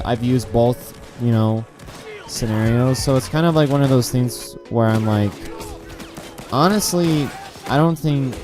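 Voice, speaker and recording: A young man with a medium-pitched, somewhat dark voice reviews a game in a loose, rambling way. The gaming video creator restarts sentences often and swears, and his dry throat makes his voice crack.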